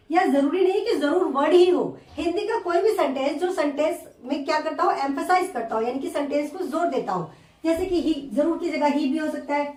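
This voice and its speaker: A woman teaching an English grammar lesson, explaining slowly and repeating each example word by word. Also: sits high, a little mellow. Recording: echoey room, far from the mic.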